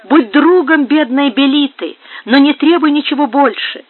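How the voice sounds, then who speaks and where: A man's voice: very high-pitched, lively intonation, normal speed. A man reading a young woman who pleads tearfully with a rejected lover, heard through a narrow phone-like sound. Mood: desperate. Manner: pleading, emotional.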